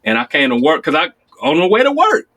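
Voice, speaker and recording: A man in his forties from Chicago, telling stories in casual conversation, acting out quoted lines with sudden jumps in pitch. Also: a little fast. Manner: animated storyteller, acts out quotes with sudden high pitch jumps. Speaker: guest.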